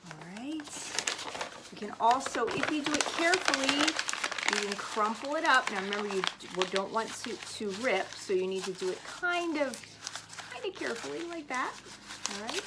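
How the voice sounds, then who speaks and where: Through heavy background noise comes a slightly high woman's voice with lively intonation, at normal speed. In the manner of a storytime teacher, she reads aloud and shows a craft, explaining each step instructively.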